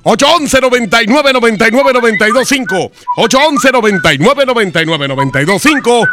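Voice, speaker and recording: A male radio host talking in a loud, hyped, teasing way. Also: very high-pitched, expressive, fairly quick, over music. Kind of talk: energetic radio hosting.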